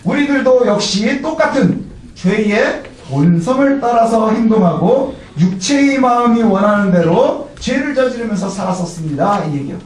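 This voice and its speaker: Pastor, man, very high voice, conversational sermon that asks and answers its own questions, very echoey church sound with the mic at a distance. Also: slight background noise. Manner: punctuates phrases with a short "예". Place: church sanctuary.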